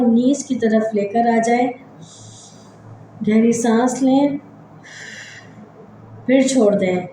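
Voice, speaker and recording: Woman talking u thru a body scan meditation, soft mellow voice a bit high, lots of room echo. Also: a little hiss or hum. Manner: gentle, repetitive step-by-step guiding. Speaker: psychology channel host.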